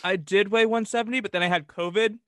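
A man's voice: sits high, steady tone, fast, a bit bright, no room sound. A man co-hosting a podcast, bantering and telling stories casually with wry, self-deprecating humor. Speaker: podcast co-host. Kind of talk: casual comedic storytelling and banter.

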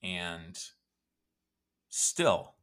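A man's voice: sits low, very animated, very slow, fairly bright tone. A man co-hosting a podcast, chatting casually and rambling with self-deprecating jokes. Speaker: podcast co-host. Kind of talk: casual chat.

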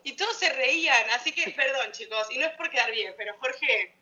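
A woman's voice: sits high, lively intonation, normal speed, pushed and bright, dull audio. A woman from Argentina with an Argentine accent, chatting as a podcast guest and telling stories with quoted voices. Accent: Argentine Rioplatense. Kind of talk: casual podcast chat.

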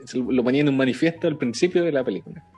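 A man's voice: mid-range voice, racing, a little mellow, slightly rough, soft background music. A man with a Chilean accent chatting casually about a film and acting out its characters' lines as he retells scenes.

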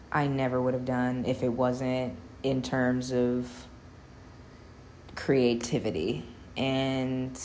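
A young adult woman hosting a solo podcast, rambling casually with lots of fillers, cussing and quick laughs. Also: extremely low pitch, a little mellow, a little hiss or hum. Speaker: podcast host.

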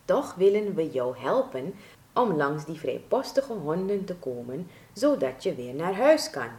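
A woman voicing a wise male grass blade who leads the others, speaking in a low whisper in a storybook reading. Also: sing-song, unhurried, darkish tone. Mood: explaining. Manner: whispering, lowered voice. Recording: roomy echo.

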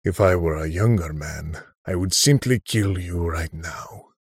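A contemptuous, deadly older killer who drawls his threats slowly, as a man voices him in an audiobook. The voice sits low and a little husky, close and dry with no room around it. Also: no echo, full character voice. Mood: menacing. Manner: slow, contemptuous, menacing. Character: cold, arrogant older male superhuman killer. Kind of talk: audiobook character reading.

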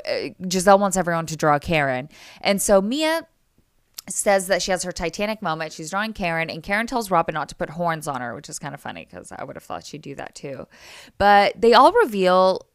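Young female podcast co-host, low pitch, clean dry sound, chatty recap delivery. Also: lively intonation, normal speed, fairly bright tone, smooth, dry recording. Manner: chatty, narrates scenes, laughs often. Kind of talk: casual TV recap chat. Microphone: remote call audio.

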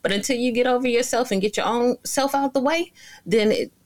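A woman co-hosting a talk show, telling a story in a casual, animated way and acting out what people said. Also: fairly high pitch, a little fast. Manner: animated, acts out quotes.

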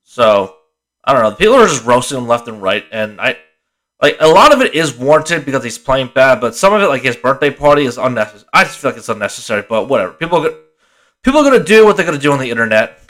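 A man's voice: medium pitch, very animated, fast, fairly bright tone. Tired, rambling young man. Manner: rambling, swears freely, restarts often. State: tired, yawning. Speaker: podcast host. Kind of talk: casual solo sports podcast.

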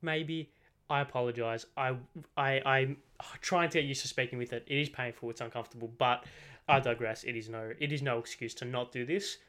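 An Australian teenager with a slight braces lisp hosts a casual solo football podcast into a desk microphone, rambling, chatty, and correcting himself. His mid-range voice is fairly even and sharp-toned, and he talks fairly quickly.

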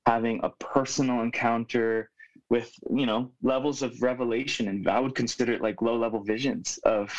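Young man from Hawaii, youth pastor, earnest, reflective, mid-pitched, muffled lo-fi sound. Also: steady tone. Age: 20s. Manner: earnest, reflective, with frequent "um" pauses. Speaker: youth pastor, podcast guest. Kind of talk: casual conversational storytelling. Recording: dull lo-fi remote audio.

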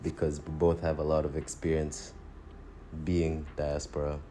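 A man's voice: extremely low pitch, completely flat delivery, moderate pace, mellow, slight background noise. A man from Tanzania co-hosting a casual podcast over a phone, rambling, restarting his sentences and chuckling between thoughts. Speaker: podcast co-host.

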